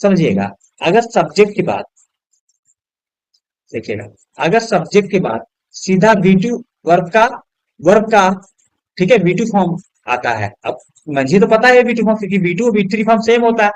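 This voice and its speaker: A man's voice: sits high, animated, normal speed, no room sound, low-quality recording. A man teaching an English grammar lesson in a classroom style. He asks his students questions and answers them himself, and he spells words out letter by letter.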